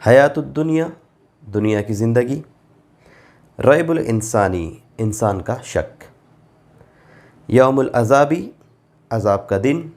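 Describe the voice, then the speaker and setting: A man teaching a Quran grammar lesson at an unhurried, careful pace, his pitch sitting in a middle range. He reads each Arabic phrase and then gives its meaning, repeating forms patiently so students can memorize them. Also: animated, a little mellow.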